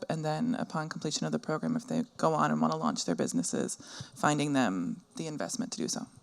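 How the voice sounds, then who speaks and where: A woman from an education nonprofit introduces herself slowly and deliberately. Her voice is notably low for a woman. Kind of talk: self-introduction at a panel.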